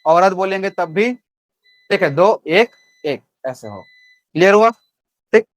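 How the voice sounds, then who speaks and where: A man's voice: high-pitched, expressive, slow pace, dry recording, clean studio sound. A young man teaching Hindi grammar in a classroom, with a Chhattisgarhi Hindi accent, who asks the class questions and answers them himself.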